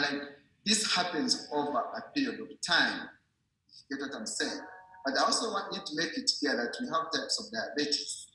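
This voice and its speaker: Pushed and bright, a mid-range male voice walks the listener through an informal medical explanation in a teaching manner, repeating itself and checking for understanding. The room he speaks in is very echoey.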